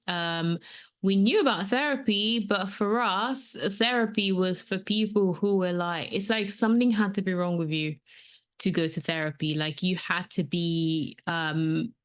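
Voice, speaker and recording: Earnest Nigerian-born woman podcaster, lowish voice. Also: fairly even intonation, a little slow. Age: 30s. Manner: earnest, conversational, many fillers. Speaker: podcast host and coach. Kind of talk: casual solo podcast talk.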